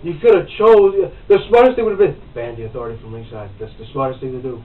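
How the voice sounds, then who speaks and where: A man's voice: medium pitch, fast. Male host, casual podcast talk, fired-up and profane; far from the mic in an echoey room, tinny sound. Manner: animated, swears freely, gets loud when worked up. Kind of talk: casual wrestling chat. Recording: roomy, distant, phone-like, faint noise.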